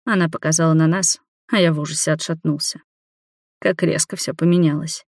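An audiobook reader giving measured, steady first-person narration. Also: medium pitch, no room sound, clean studio sound.

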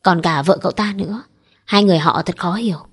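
A woman reading as a curious young man in a spoken storybook, asking questions about a couple. The voice is low and husky. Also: quick pace.

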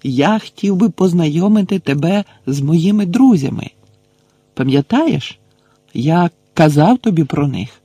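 A hulking, soft-hearted half-giant, as a male narrator puts him on, calling out loudly in a raised, gravelly voice. He coaxes and scolds in homely, folksy speech. It is a storybook reading in a dry, close sound. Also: a little high, expressive, unhurried, dry recording, pitched above the performer's own voice, heavily acted. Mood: coaxing. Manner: loud coaxing shouts, folksy speech. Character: huge gentle half-giant man, gruff, fussing.

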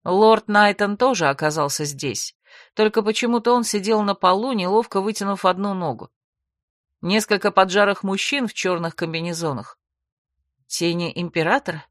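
A woman's voice: mid-range voice, moderate pace, no room sound. A woman narrating a fantasy audiobook in the first person, dry and matter-of-fact.

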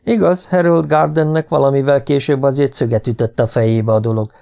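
Male narrator, mellow dark voice, dramatic storytelling, audiobook reading. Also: medium pitch, fairly even intonation, vocal fry. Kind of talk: scripted narration.

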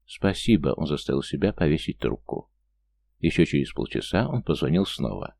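Male narrator, very low voice, gravelly, dark tone, steady restrained thriller reading. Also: fairly quick, no echo. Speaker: audiobook narrator.

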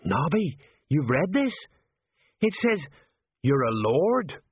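A man's voice: a little high, sing-song, slow, slightly rough, no echo, pitched above the performer's own voice, full character voice. Dim, kindly sergeant, raised wondering voice, by a man; tinny and dry. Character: slow-witted middle-aged male sergeant, kindly. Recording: tinny narrow-band, dry.

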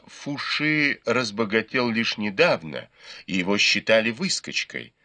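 A man narrating a classic novel as an audiobook, in measured storytelling. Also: lowish voice, sharp tone, no room sound. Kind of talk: scripted narration.

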